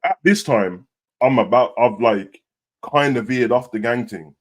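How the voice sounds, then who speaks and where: Speaking at a measured pace, this young adult from Birmingham uses roadman slang and an urban British accent as he tells stories. His voice is medium-pitched, and he animates the retelling with quoted dialogue.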